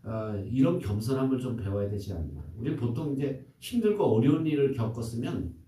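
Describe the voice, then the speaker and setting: A male pastor delivers a dawn devotional sermon in a mellow, middle-pitched voice. He keeps it conversational, putting questions to the congregation and acting out their complaints. His voice echoes around the room and sounds a little distant from the mic. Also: lively intonation, a little fast. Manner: conversational preaching with rhetorical questions; acts out quoted complaints.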